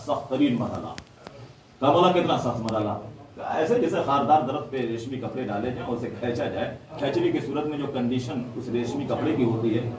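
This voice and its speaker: A man giving a dramatic devotional sermon at a mourning gathering, telling a story and repeating lines for emphasis. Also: medium pitch. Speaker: majlis orator. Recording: echoey hall, far mic, crowd.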